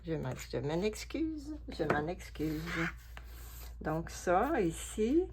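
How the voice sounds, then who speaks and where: A woman's voice: fairly low pitch, very animated, takes it slowly, a little mellow, a little hiss or hum. A woman with a Québécois French accent chatting casually as she makes a collage, thinking aloud to herself and her viewers. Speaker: collage artist. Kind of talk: casual craft vlog, talking while working.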